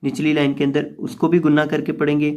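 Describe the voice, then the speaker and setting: A man with a Pakistani Urdu accent teaching a slow tajweed lesson, spelling out letters and drawing out each syllable with patient repetition. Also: a little high, monotone, mellow. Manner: patient, repetitive explaining, stretches recited syllables slowly. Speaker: Quran reading teacher.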